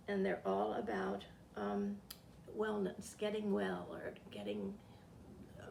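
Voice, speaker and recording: This retired teacher and read-aloud presenter, aged 70 or older, has a creaky, mid-range voice with a somewhat dark tone. She chats informally and reads aloud to a group, halting, wandering off topic, and cutting herself off. Captured on a far-off microphone, the room echoes and there's faint background noise.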